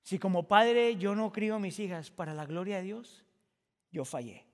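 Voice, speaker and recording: A man preaching a sermon as pastor, moving from quiet reflection to impassioned shouting. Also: high voice, normal speed, long reverb tail.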